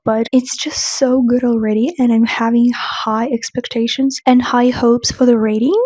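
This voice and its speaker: Poor, roomless audio carries a young book vlogger's fairly high, darkish, slightly rough voice. English is her third language, and she chats excitedly about books in her reading vlog, often starting sentences over.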